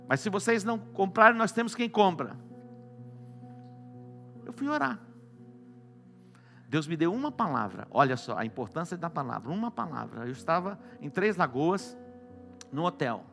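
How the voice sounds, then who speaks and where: Brazilian preacher man with a bright voice. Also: a little high, very animated, moderate pace, gravelly, pauses often, faint music behind. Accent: Brazilian Portuguese. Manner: swings between loud exclamations and soft hushed lines. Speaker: apostle preaching. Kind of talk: sermon.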